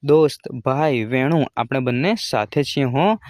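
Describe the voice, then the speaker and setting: A man voicing a desperate poor water-carrier who cries out loudly, pleading for help to save his trapped buffalo. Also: mid-range voice, a little slow, dry recording, lightly acted. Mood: tender. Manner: frantic, loud pleading cries.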